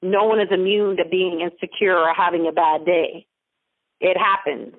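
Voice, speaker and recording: She is a mentor and business founder talking as a guest on a phone interview with tinny sound and no room echo. Her voice sits on the low side with fairly even intonation and a moderate pace, and she motivates emphatically, repeating phrases in stacks.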